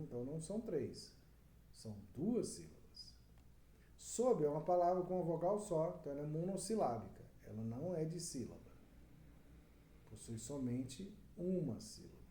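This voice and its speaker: A man teaching Portuguese for exam prep with a Brazilian accent, walking through answers slowly and deliberately, counting syllables aloud. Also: a little high, dark tone. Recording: roomy echo with faint background noise.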